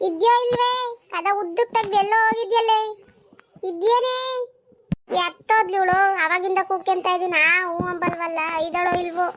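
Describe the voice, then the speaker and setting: Woman doing hurried village farm wife, very high pitched, chatty cartoon voice. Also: fairly even intonation, fairly bright tone, a little hiss or hum. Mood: brisk. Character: busy village farm woman hiring harvest workers. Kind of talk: cartoon voice acting.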